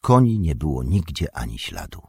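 A man narrating an audiobook in an even storytelling manner. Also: a bass voice, moderate pace, breathy edge, dry recording, studio quality. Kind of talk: scripted narration.

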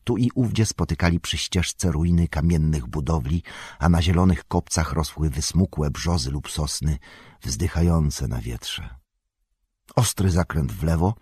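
Very deep husky male narrator. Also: darkish tone, dry recording, clean studio sound. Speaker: audiobook narrator. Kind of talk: scripted narration.

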